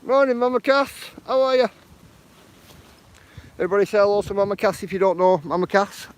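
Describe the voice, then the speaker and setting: A man's voice: high-pitched, brisk. A man with a Lancashire accent chatting casually on a walking live stream outdoors by the water, greeting viewers by name and calling them bro and bruv. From northern England. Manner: uses slang like bro and bruv.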